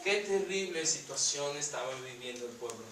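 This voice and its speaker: A man's voice: a little high, expressive, moderate pace, recorded from a distance, noisy background. A man preaching a sermon in a church, emphatic, sometimes dropping to a near whisper on key words. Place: church hall. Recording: echoey church room from off-mic.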